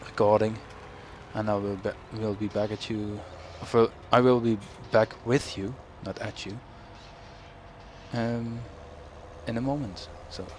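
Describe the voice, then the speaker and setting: This young gaming YouTuber, Dutch-accented and low-voiced, meanders through casual commentary on his farming game at a measured pace, often fixing his sentences midway and chuckling a lot. Game engine rumble, farm machinery, and ambient game sounds run clearly beneath his voice.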